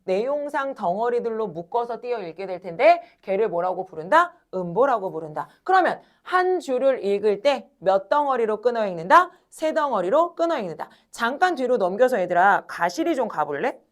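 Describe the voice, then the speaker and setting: A woman teaching a classroom lecture, talking straight to her students, asking questions and answering them herself, and stretching words slowly when she demonstrates. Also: on the high side. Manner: animated, addresses students directly, asks and answers own questions.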